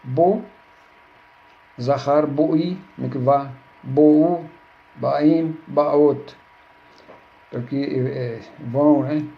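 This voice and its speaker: A man's voice: medium pitch, steady tone, extremely slow, vocal fry, pauses often. A man teaching a Hebrew grammar lesson, patiently repeating words and checking with his listeners. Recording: dull lo-fi recording.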